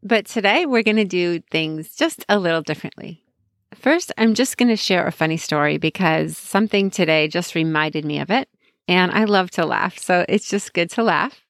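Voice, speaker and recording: A woman's voice: on the low side, expressive, normal speed, a bit bright, dry recording, clean studio sound. Upbeat chatty woman podcast host. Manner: upbeat, chatty storytelling with frequent laughter. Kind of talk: casual motivational podcast chat.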